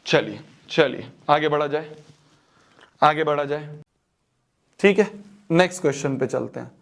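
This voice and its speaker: A man's voice: a little high, unhurried, creaky. A young man teaching a math exam-prep lesson, repeating phrases and checking that students follow.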